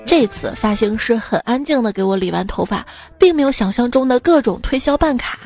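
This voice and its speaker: A woman radio host with a slightly hoarse voice, telling jokes in a playful, dry, self-mocking way. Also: on the high side, animated, brisk, a little mellow, faint music behind. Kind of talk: casual comedic joke telling.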